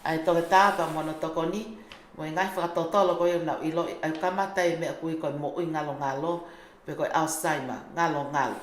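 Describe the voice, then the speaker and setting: Female host, low-ish pitch, chatty and filler-heavy, roomy room with faint noise. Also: steady tone, fairly quick. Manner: chatty, many fillers, mixes Tongan and English. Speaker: radio show host. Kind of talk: community radio chat.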